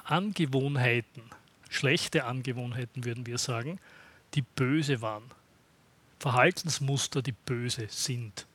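A man preaching a sermon to his congregation in a conversational way, often pausing to ask "Ja?". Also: medium pitch, fairly bright tone, husky. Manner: conversational, checks in with the congregation by asking "Ja?".

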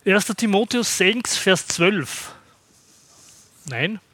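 A man preaching a sermon to his congregation in a conversational way, often pausing to ask "Ja?". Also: high-pitched, lively intonation, fairly bright tone, no room sound. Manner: conversational, checks in with the congregation by asking "Ja?".

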